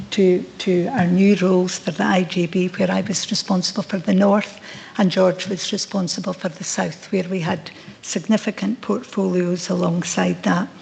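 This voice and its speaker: A woman's voice: mid-range voice, gravelly, a little mellow, low-quality recording. A middle-aged Scottish woman, an outgoing chief officer, giving a heartfelt, reflective farewell speech to a board in a council chamber.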